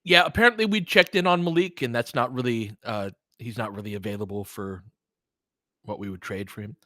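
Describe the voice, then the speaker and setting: Brisk and sharp in tone, this medium-pitched American streamer calls a basketball game live in a conversational way, responding to chat as he goes. The sound is studio quality with no room echo.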